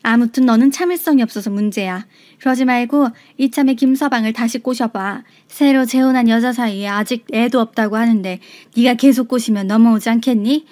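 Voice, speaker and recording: A woman voicing a scheming older mother who coaxes her daughter in a low voice. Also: a little fast, darkish tone, close to an everyday voice. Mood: coaxing.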